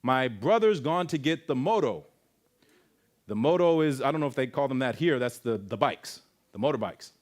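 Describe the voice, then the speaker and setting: A man tells a personal story to a camp audience. He speaks at an ordinary pitch for a man and narrates in a lively way, acting out voices and making sound effects as he goes. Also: normal speed. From Canada. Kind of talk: storytelling testimony talk.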